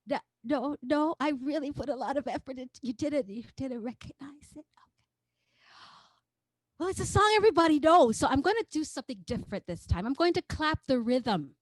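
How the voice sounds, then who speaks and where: A woman's voice: high voice, animated, fairly quick, no room sound, low-quality recording. A woman teaching rhythm in an online choral workshop, talking with a playful, coaxing energy and counting beats for her group. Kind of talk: interactive online music workshop. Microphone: video call.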